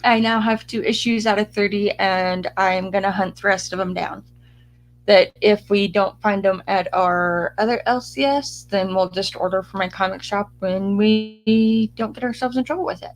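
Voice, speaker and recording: A woman co-hosting a casual comic book podcast, talking in an excited, chatty way with frequent restarts. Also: medium pitch, moderate pace, rough recording. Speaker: podcast co-host. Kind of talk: casual chat.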